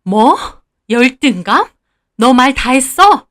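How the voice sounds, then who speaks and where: A woman voicing an older, quick-tempered mother-in-law who scolds and sneers. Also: sits high, animated, a bit bright. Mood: furious.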